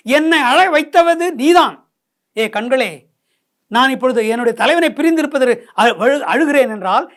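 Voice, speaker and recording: A woman voicing a grieving young wife who reproaches her own eyes in a lamenting, repetitive way. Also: high voice. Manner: reproachful, lamenting, repeating herself. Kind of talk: dramatized poetry explanation.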